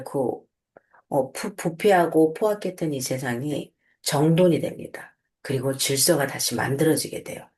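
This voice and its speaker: A woman who reads scripture aloud in turns, then explains it in a relaxed, conversational teaching manner with fillers and small restarts. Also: low-pitched. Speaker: host, Bible teacher. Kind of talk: Bible reading and casual explanatory teaching.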